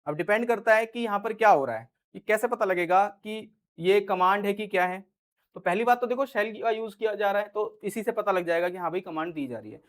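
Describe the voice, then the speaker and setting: A man teaching English runs an informal, conversational Hindi grammar class, his voice high and a little fast, addressing students directly. Repeated "ठीक है" check-ins punctuate his talk, and he acts out sample lines in varied tones to demonstrate how the way something is said alters its meaning.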